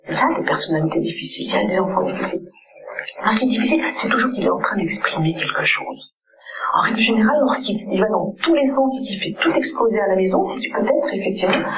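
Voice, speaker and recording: Woman, psychologist, conference talk, earnest, checks in with listeners, mid pitch, crowd heard behind. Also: poor audio. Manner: earnest, often checking in with the audience. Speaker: child psychologist giving a talk. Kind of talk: conference lecture. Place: conference hall with an audience.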